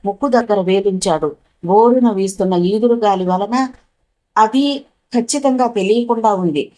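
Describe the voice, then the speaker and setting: A woman narrating a novel as an audiobook, with a dramatic, expressive reading. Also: medium pitch, moderate pace, rough recording.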